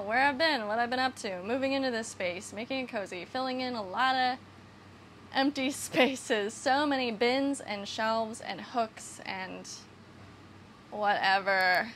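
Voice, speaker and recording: There's slight background noise as a young woman with a high, somewhat bright voice talks a little slowly about her new camper. Rambling and chatty, she jokes at her own expense, tosses out casual swears and laughs often, whether inside the trailer or out on the land.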